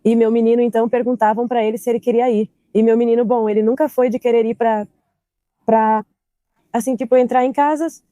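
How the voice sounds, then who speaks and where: A woman in her thirties, a mother giving personal testimony, speaking in a halting way and often repeating "I said" as she retells conversations. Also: a little high, fairly even intonation, dark tone, clear, resonant tone, no echo.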